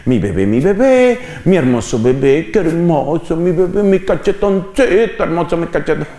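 A man's voice: fairly high pitch, sing-song, moderate pace, mellow, reverberant. A man imitating a young mother gushing over her baby, in a doting sing-song voice.

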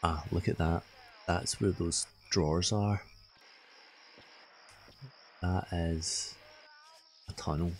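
A man's voice: low voice, fairly even intonation, slow pace, pauses often, darkish tone, slight background noise. A man with a Scottish accent giving casual live gameplay commentary and chatting to his viewers. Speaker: game streamer.

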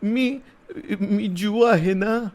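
A man voicing a timid, frightened little girl who speaks in halting, tearful answers. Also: sits high, voice pushed up. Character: small frightened girl refugee.

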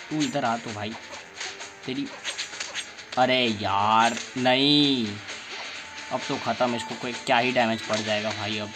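An excitable man talks through a fighting game as he plays, yelping and groaning at each hit. His delivery is unhurried between the outbursts, with his natural pitch sitting at a middle level. Loud game music plays behind him the whole time. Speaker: gaming YouTuber. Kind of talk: live gameplay commentary.

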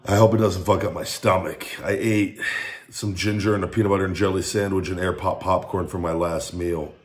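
Low voiced middle-aged guy, casual vlog talk, swears a lot, pretty blunt. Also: steady tone, fairly quick. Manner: blunt, foul-mouthed. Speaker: host reviewing hot sauce. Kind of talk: casual chat to camera. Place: room at home, indoors.

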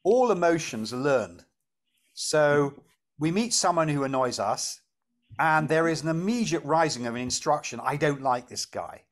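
Lively man teaching. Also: a little high, normal speed. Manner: animated, lively, laughs at his own examples. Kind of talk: explaining a meditation exercise.

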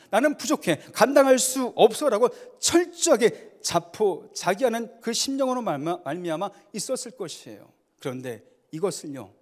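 Emphatic male pastor in a reverberant hall. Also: high-pitched. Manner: storytelling with acted dialogue, emphatic. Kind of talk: sermon. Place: church sanctuary.

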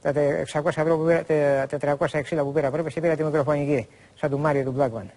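Greek man in his 40s, show guest; earnest, repetitive rambler with a slightly high voice. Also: fairly even intonation, darkish tone. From Greece. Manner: earnest, repetitive, quotes others at length. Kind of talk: rambling confessional chat.

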